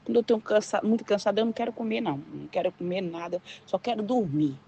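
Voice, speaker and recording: An older woman with a Brazilian Portuguese accent gives an informal sermon at a church. She talks to the congregation like a neighbour, dropping tag questions and rhetorical asides as she goes. Her pitch sits at an ordinary middle height for a woman. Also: quick pace, vocal fry, dark tone, dull audio, slight background noise. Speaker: preacher.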